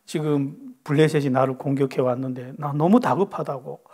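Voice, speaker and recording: A man's voice: medium pitch, fairly even intonation, moderate pace, a little mellow, breathy edge. A man voicing a desperate king who pleads for help, within a sermon. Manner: pleading, reassuring, urgent. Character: desperate frightened male king seeking help.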